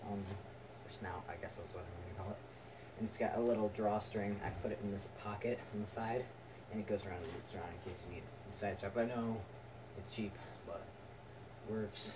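A young man giving a casual, halting, unscripted product review in short fragments. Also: fairly low pitch, fairly even intonation. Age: teens to young adult. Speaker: video reviewer. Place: small attic room indoors. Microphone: camera a few metres away. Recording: distant camera mic, noisy room.

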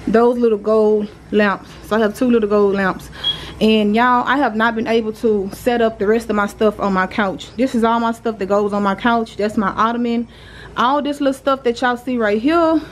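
Filming on a handheld phone in her apartment's living room and kitchen, a young Southern single mom with a slightly high voice chats casually through a cleaning vlog and scolds her kids. There's slight background noise.

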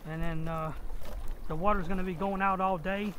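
A fairly high-pitched man talks outdoors on a riverbank, rambling and restarting with lots of fillers. His voice comes through a body-mounted camera mic, with faint outdoor noise behind him. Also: fairly even intonation, normal speed, a bit bright. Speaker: fishing vlogger. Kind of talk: casual first-person vlog explanation.

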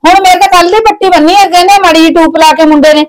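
A woman playing a fast, high-voiced aggrieved mother. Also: steady tone, very noisy. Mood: accusing. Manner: complaining, reproachful, pleading. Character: aging mother neglected by son and daughter-in-law, hurt hand. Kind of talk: village web drama acting.

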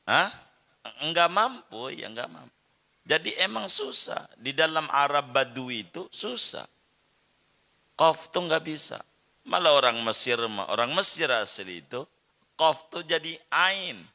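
A man's voice: fairly high pitch, expressive, a little slow, bright, forceful tone. A middle-aged man teaching a religious study lecture, repeating words and drilling Arabic pronunciation for his listeners. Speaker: Islamic teacher.

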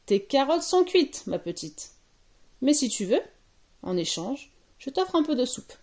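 A woman voicing a grumpy, cunning old witch in a storybook reading, with a high, cranky voice. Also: big pitch swings, unhurried, a little mellow. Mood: scornful. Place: at home on an old sofa.

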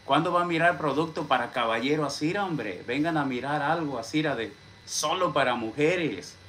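A man's voice: fairly high pitch, moderate pace, fairly bright tone, a little hiss or hum. A man from Mexico with a Mexican accent, ranting boastfully on his live-stream vlog. He tosses in "hombre" constantly and greets viewers from the chat as he talks. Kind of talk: casual live-stream rant.

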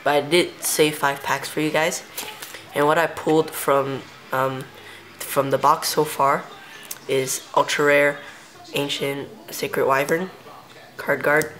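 A woman's voice: low voice, fairly bright tone, low-quality recording. A young woman giving casual commentary as host of a home-recorded unboxing video. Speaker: trading card video host. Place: room at home. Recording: faint background noise.

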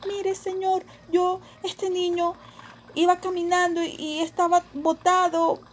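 A woman's voice: very high-pitched, flat delivery, unhurried, slight background noise, pitched above the performer's own voice. A woman playing a scared young woman pleading. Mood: frightened. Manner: pleading, anxious. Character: scared young woman who finds a baby.

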